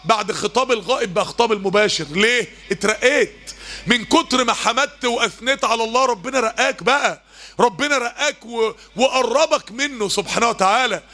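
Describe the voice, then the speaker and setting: Fast, bright-voiced Egyptian preacher. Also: male voice, very high voice. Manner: animated, rhetorical questions, emphatic repetition. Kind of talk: mosque lesson in colloquial Egyptian Arabic. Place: mosque.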